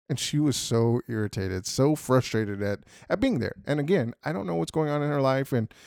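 A young man hosts his own podcast in an easygoing, rambling way, filling his thoughts with "you know" and checking in with "right?". His voice sits at an ordinary pitch. The recording is dry and close, with no room sound around him. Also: animated, moderate pace, creaky, hardly any pauses, darkish tone, no echo. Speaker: podcast host. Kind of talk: casual solo monologue.

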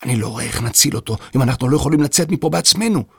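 A man voicing a startled young boy who is quick to take offense, in a children's audio story. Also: medium pitch, expressive, vocal fry, a bit bright, slightly rough, no room sound, studio quality, voice pushed up, exaggerated voice. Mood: bewildered.

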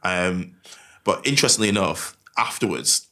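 A man from Manchester, England, with a diluted Mancunian accent, is a podcast guest who works in investment, candidly telling his life story and often repeating and rephrasing himself. His low voice is animated, bright, and forceful at a normal speed.

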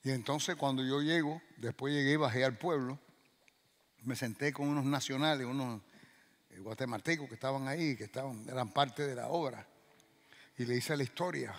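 An older man from Cuba, a pastor telling a story in a sermon, animated and acting out dialogue and sound effects. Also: mid-range voice, moderate pace, in a large hall.

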